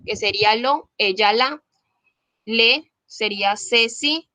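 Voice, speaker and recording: A woman's voice: a little high, takes it slowly, bright, forceful tone. A woman with a Colombian Spanish accent, a student reading a text aloud on a video call. She answers her teacher politely.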